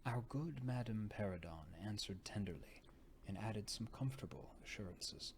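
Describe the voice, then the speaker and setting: An audiobook reader with a fairly low voice tells an old gothic tale, giving it a theatrical, animated, measured delivery like a scripted storybook reading. Faint background noise can be heard.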